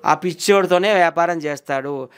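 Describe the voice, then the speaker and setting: A man's voice: on the high side, fairly quick, smooth. A man speaking as an interview guest, insistently accusing and repeating his points. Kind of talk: heated interview talk.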